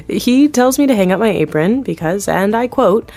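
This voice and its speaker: With a medium-pitched, slightly mellow voice, expressive and unhurried, an actress in her thirties plays a TV executive producer interviewed in an audio drama. She comes across as candid and chatty, laughing often and making light of her own success.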